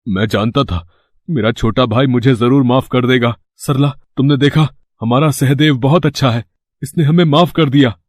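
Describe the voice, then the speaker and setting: A man's voice: medium pitch, normal speed, no room sound, clean studio sound, natural voice. A man playing a greedy scheming older brother. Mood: wheedling. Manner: wheedling, fake weeping, hesitant "uh" fillers. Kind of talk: storybook voice acting.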